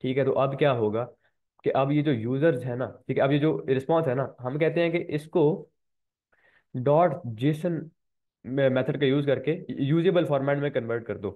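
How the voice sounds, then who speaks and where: A man's voice: mid-range voice, fairly quick. Man teaching code, tinny lo-fi sound. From Pakistan. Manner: repetitive, talks students through code step by step. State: slightly sore throat. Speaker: programming instructor. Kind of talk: screen-recorded coding lecture. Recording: tinny phone-like recording.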